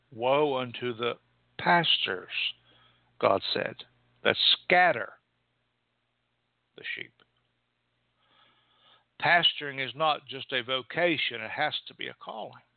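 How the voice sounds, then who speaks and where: A male pastor preaching a sermon, rising and falling sharply in pitch and loudness. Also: takes it slowly, creaky, long pauses, no echo. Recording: tinny phone-like sound.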